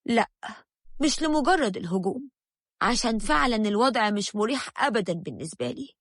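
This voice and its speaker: A woman's voice: a little high, lively intonation, brisk, no echo, clean studio sound. A woman with an Egyptian accent voicing a young husband who speaks curtly and with scorn in a storybook tale. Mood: scornful, angry. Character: irritated young husband, harsh and stubborn.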